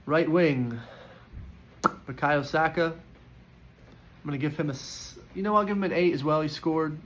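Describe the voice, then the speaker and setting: A man reacts casually after a match, handing out football player ratings in a chatty, opinionated way full of fillers and restarts. His voice is on the high side and unhurried, and the recording is rough.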